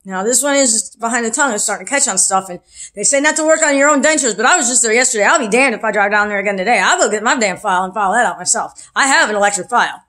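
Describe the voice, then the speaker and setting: Fast-talking woman, fingers at mouth. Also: medium pitch, a bit bright. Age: 40s. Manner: frank, rambling, self-deprecating. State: new dentures, fingers at mouth. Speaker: vlogger. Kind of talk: casual video diary.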